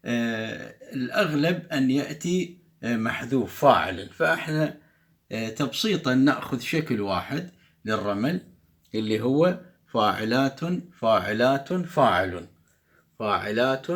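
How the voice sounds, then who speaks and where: A middle-aged man, a professor giving a lecture on poetic meter who chants the beats of syllables aloud. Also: medium pitch.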